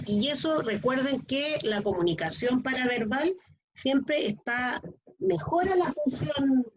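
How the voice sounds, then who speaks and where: Middle-aged woman teacher, slightly high and husky, asks the class checking questions. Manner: explains with frequent checking questions. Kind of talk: online class lecture. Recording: dull lo-fi online class audio.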